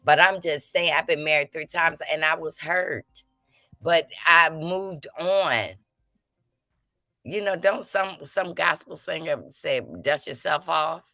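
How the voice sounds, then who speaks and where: Middle-aged woman, low bright voice, sassy panelist banter, dry close sound. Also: slow pace, no room sound. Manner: sassy, joking, animated storytelling. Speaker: commentator. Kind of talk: casual panel chat.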